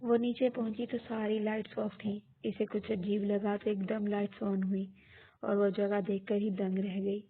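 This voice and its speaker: A woman narrating a romance novel as a steady, scripted audiobook reading. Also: mid-range voice. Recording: tinny phone-like audio.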